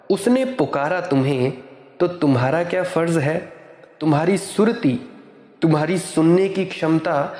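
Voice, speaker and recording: A man giving a sermon as a spiritual teacher, speaking slowly and repeating his points, often asking rhetorical questions. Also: a little high, darkish tone, echoey room, long reverb tail.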